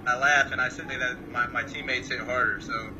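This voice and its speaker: A calm man from Samoa answers questions on a remote call, modest and hesitant, with lots of uhs. He sounds set back from the mic, and clear background noise runs under his voice. His pitch sits mid-range for a man. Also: a little slow, distant mic, lo-fi sound. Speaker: guest fighter. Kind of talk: casual interview answers.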